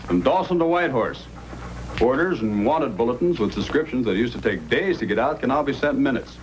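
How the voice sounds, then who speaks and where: A man playing a courteous, businesslike Mountie sergeant in an old-time radio drama, with measured delivery. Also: medium pitch, animated, a little hiss or hum, lightly acted, rough recording. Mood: businesslike, affable.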